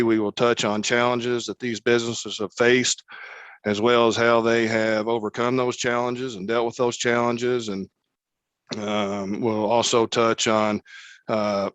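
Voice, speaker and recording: A man moderating a business panel, speaking in a measured way with frequent filler words. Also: medium pitch, a bit bright, clean tone, no room sound.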